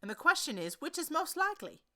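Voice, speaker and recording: A woman's voice: high-pitched, sing-song, fast talker, sharp tone, pitched above the performer's own voice, exaggerated voice. A woman voicing an earnest, simple-minded, honey-loving male bear in a children's storybook, pondering aloud in an emphatic, sing-song way. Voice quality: growly.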